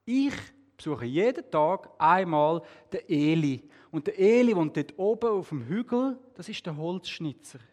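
A man's voice: fairly high pitch, animated, measured pace, a little mellow, long reverb tail. A man doing a breezy young wooden girl. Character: carefree young female wooden figure.

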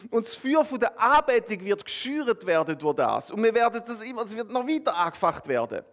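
High-voiced Swiss German preacher. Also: male voice. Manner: expressive, swinging between emphatic rises and hushed, drawn-out passages; addresses listeners directly with a conversational "oder?". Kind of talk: sermon.

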